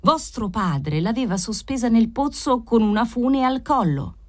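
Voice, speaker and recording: A woman reading aloud who voices a stern, imperious doctor who speaks slowly and firmly. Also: a little high, animated, pitched above the performer's own voice. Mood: gently firm. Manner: slow, firm, imperious. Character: stern, commanding male doctor, middle-aged.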